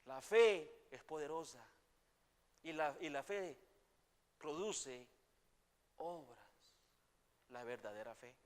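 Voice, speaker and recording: A man preaches in a high voice with a slow, measured delivery, repeating his phrases and calling the congregation his brothers. He swings from ringing declamation down to quiet, intimate asides. The sound carries a long church-hall reverb. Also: animated. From Costa Rica. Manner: dramatic swings from loud declaiming to hushed near-whispers. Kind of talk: sermon.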